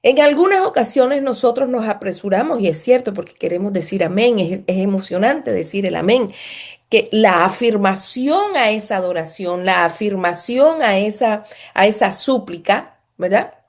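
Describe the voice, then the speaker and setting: A woman religious teacher gives a lesson, explaining patiently, repeating phrases and frequently checking in with the listener. Her mid-range voice is expressive, at a normal speed.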